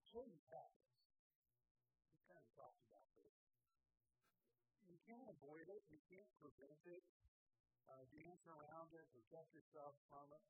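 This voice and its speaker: A man's voice: fairly high pitch, unhurried, long pauses, a little mellow, breathy edge, rough recording. A man preaching a sermon as a pastor, earnest and repeating key phrases.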